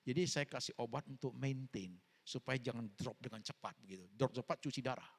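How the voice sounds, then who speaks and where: A male pastor with an Indonesian accent giving a sermon, telling a story with sudden loud, high bursts and English words mixed in. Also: brisk, gravelly, slightly rough, big-room sound. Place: church auditorium.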